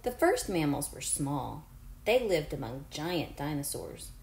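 This woman in her forties has a deep, darkish voice with vocal fry, big pitch swings and an unhurried pace. As a teacher she reads a picture book to young children, encouraging them with chatty asides and questions to the unseen kids, in an echoey room with faint background noise.

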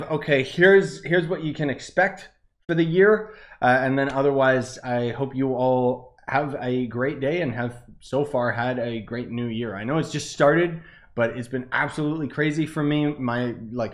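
A man chatting casually in a rambling, easygoing vlog, his voice carrying a lot of echo and reverb from the room. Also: medium pitch. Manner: rambling, filler-heavy, easygoing. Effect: echoey reverb in the room. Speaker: gaming YouTuber.

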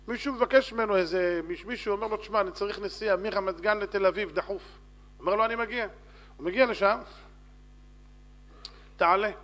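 A man, a rabbi, telling a story in a sermon and acting out shouts and dialogue. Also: high voice. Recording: long hall reverb.

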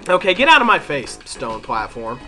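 A let's play commentator with a head cold, sounding congested, chats and thinks aloud during casual gameplay commentary. His fairly high voice swoops wildly in pitch at a moderate pace, bright and forceful. Game music plays behind.

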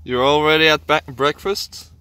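A man's voice: a little high, fairly even intonation, moderate pace, sharp tone, clean tone, no room sound. A young man chatting cheerfully and joking with friends while filming a road trip vlog outdoors on a handheld camera. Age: young adult. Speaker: vlogger. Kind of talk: casual travel vlog chat. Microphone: handheld camera close to face.

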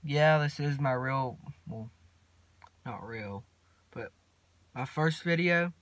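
A teenage boy, rambling casually to his phone camera from inside a parked truck, mumbling in a laid-back drawl with long pauses. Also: mid-range voice, animated, fairly bright tone, no room sound. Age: teens. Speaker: vlogger. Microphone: phone camera at arm's length.

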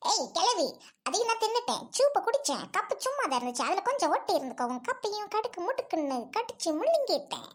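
A woman's voice: very high-pitched, sing-song, fast. A woman voicing a greedy, gluttonous, rude woman guest in a Tamil cartoon, speaking with a Trichy accent. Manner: squealing, gobbling, demanding. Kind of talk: cartoon voice acting.

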